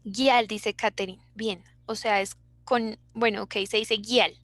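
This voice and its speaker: A woman's voice: fairly high pitch, steady tone, takes it slowly, a bit bright, no echo. A young Colombian woman with a Bogotá accent, teaching an online class in a chatty way and reading out her students' answers. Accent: Bogotá Colombian Spanish.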